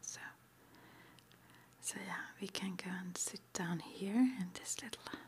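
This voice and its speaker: With a mid-range voice, a woman whispers breathily through an improvised ASMR roleplay, playing a guide at a witch school in a halting, gently reassuring way.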